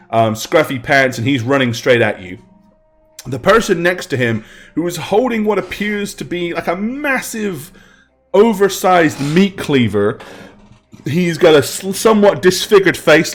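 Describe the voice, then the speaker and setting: Slow, hesitant man running a tabletop game. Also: a little high. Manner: unhurried, hesitant with frequent ums. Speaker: game master.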